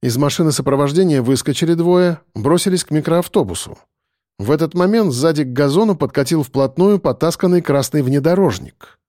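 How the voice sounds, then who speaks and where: A man reading an action audiobook in steady, measured scripted narration. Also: a little high, no echo, studio quality.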